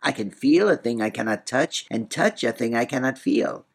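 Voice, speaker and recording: In an audiobook reading, a man gives voice to a whimsical, boastful old storybook character who speaks in riddles. His pitch is medium, his pace moderate, and his intonation lively, with proud, sing-song, muddled wordplay.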